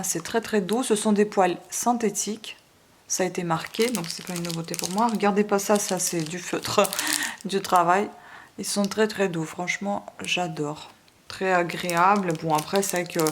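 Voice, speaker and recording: A woman talks casually as she unboxes makeup brushes, hesitating often and filling pauses with little sounds. Her voice sits at an ordinary middle pitch. Steady noise and crinkling packaging stay in the background of the homemade recording. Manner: chatty, hesitant, many fillers. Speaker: beauty vlogger. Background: wind noise and plastic crinkling.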